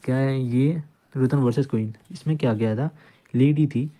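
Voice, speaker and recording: A man lectures on law in a relaxed, informal way, walking through cases step by step and repeating phrases to make them stick. His voice is very dark and mellow, sitting at an ordinary middle pitch. He drops English legal terms into his talk as he explains. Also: moderate pace. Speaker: law tutor.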